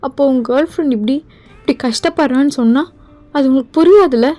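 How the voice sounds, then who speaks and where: A woman's voice: sits high, quick pace, mellow, voice pushed up, natural voice. A woman voicing an upset young girlfriend in a fan voice drama, with a hurt, defensive, pleading manner. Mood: bitter.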